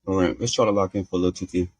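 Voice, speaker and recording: A man hosting a show in a relaxed, rambling, self-deprecating way, talking while eating candy with a toothache. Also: low-pitched, breathy edge, no echo, low-quality recording. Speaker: podcast host. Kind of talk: casual chat.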